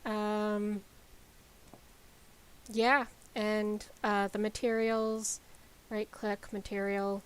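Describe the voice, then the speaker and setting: A woman game developer talking casually on a live stream, rambling with lots of ums and likes as she explains software. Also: medium pitch, little pitch movement, drawn-out words, pauses often, clear, resonant tone, low-quality recording.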